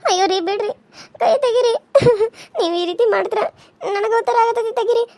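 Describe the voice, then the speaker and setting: A timid young village wife, voiced by a woman in a cartoon serial. She speaks in a very high, pleading and whiny voice with a North Karnataka accent. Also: steady tone, brisk, darkish tone, no room sound. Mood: tearful. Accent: North Karnataka Kannada.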